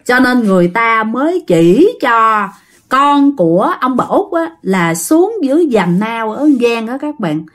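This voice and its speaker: A woman's voice: a little high, unhurried. A woman telling a ghost story in a chatty way, often turning to her listeners. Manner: lively, chatty, addresses listeners directly.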